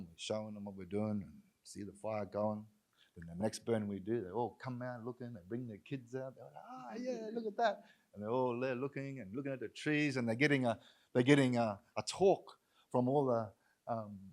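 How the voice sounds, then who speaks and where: A man's voice: medium pitch, darkish tone. A man giving a public lecture as a guest speaker, talking earnestly and repeating key phrases for emphasis. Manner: acts out bystanders' voices in quotes.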